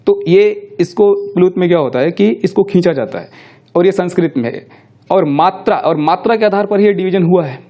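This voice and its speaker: A man's voice: on the high side, warm tone, muffled recording. A middle-aged male teacher giving a classroom lecture, explaining step by step and answering his own questions.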